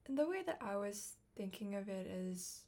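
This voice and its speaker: Woman from Thailand, radio interviewer, gravelly voice, brief and tentative. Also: mid-range voice, animated, moderate pace, mellow. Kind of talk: casual interview.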